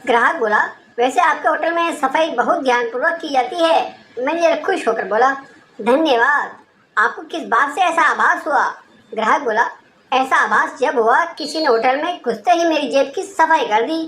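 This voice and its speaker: Woman, high voice, joke reader, echoey room, faint background hiss. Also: moderate pace, fairly bright tone. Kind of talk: reading jokes aloud. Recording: roomy echo with faint room noise.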